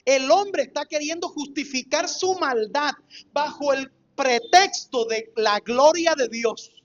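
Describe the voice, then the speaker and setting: A man's voice: very high-pitched, takes it slowly, fairly bright tone. A man, a pastor preaching an expository sermon, emphatic and full of rhetorical questions to his congregation. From Colombia. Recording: dull lo-fi recording with faint music.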